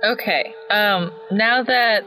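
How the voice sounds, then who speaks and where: Chatty woman player, giggly, bright voice. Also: mid-range voice, slow pace, soft background music, poor audio. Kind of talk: casual tabletop play.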